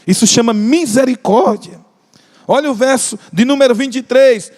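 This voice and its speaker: Very high-pitched and darkish in tone, a man with a Brazilian Portuguese accent preaches fervently, lengthening emphatic phrases and joking with the congregation. The recording carries the long reverb of a large church hall.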